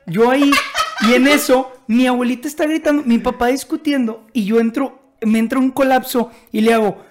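A man with a Mexican Spanish accent telling family anecdotes in a casual podcast chat, animated and rambling, restarting his sentences. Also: extremely high pitch, normal speed. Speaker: podcast co-host.

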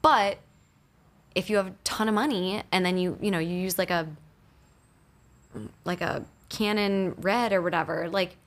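A woman entrepreneur chatting as a guest in a studio interview, talking fast and loose with plenty of "like" fillers. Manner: chatty, fillers of "like", lively pitch swings. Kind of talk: casual interview chat. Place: recording studio. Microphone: studio microphone.

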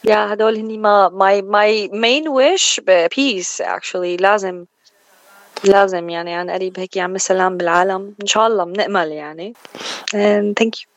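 A woman's voice: medium pitch, fairly even intonation, moderate pace. A woman with a Levantine Arabic accent chatting casually as a singer in a radio interview, switching between Arabic and English mid-sentence.

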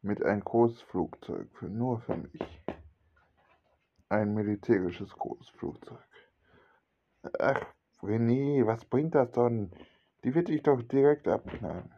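A man's voice: mid-range voice, slow, pauses often. A man narrating a homemade radio-play story, switching between narration and the characters' lines without strongly changing his voice. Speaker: hobby storyteller voicing every character. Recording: dull lo-fi home recording.

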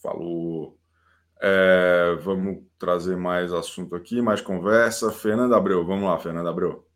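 A male host chats casually on a live stream, getting excited and swearing freely. His voice sits somewhat low. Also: measured pace. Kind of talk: casual chat.

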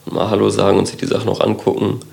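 Man, fairly low voice, gravelly, easygoing, upbeat talk guest. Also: monotone, very fast, a little mellow. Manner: easygoing, upbeat, good-humoured. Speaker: guest, designer. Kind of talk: casual interview chat.

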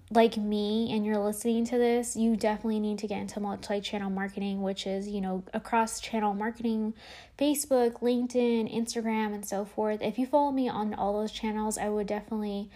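A young woman with a slightly high voice talks through her solo podcast in a loose, chatty way. She fills her sentences with ums and restarts, and her voice is a little worn, as if she is losing it. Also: dark tone. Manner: chatty, lots of fillers and restarts. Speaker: podcast host. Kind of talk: casual solo podcast talk.

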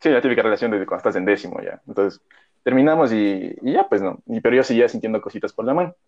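A man's voice: fairly low pitch, animated, quick pace, darkish tone. A young man, telling a story in casual chat, rambling and full of slang and fillers. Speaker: podcast co-host. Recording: dull lo-fi audio.

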